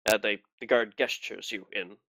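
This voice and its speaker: A man's voice: fairly low pitch, steady tone, moderate pace, bright, forceful tone, no echo. A man running a tabletop game as game master, narrating in hesitant but precise phrasing.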